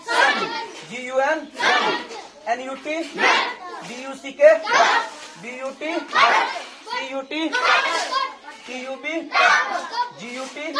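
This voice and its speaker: Heavy background noise surrounds a woman whose voice sits high as she teaches English pronunciation. Spelling words letter by letter, she keeps checking whether the class is following along.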